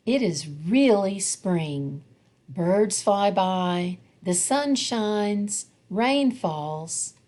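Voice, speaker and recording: She narrates a children's picture book in a mid-range voice, carefully paced and full of expression.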